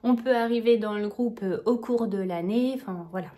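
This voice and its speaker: A woman's voice: a little high, moderate pace, dark tone. A woman vlogging casually to camera, gushing and hesitant, restarting her sentences with many fillers. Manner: enthusiastic, gushing.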